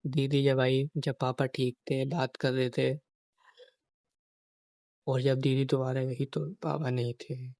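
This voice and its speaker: A man's voice: medium pitch, flat delivery, slow pace, long pauses, a little mellow, no echo. A young man, a vlogger, talking about a painful personal memory and often repeating his phrases as he tells it. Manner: grieving, repeats phrases, quotes others in dialogue. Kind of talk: personal storytelling vlog.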